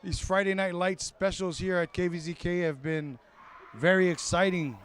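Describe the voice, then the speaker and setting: A man doing live play-by-play for a high school football broadcast, excitable and quick to correct himself mid-call. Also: slight background noise. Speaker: play-by-play commentator.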